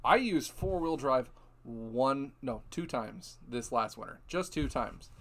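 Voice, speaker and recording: A man from Ohio hosting a casual live stream, telling lively dealership stories with frequent laughs. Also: mid-range voice, slow. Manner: animated storytelling, laughs often. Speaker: host.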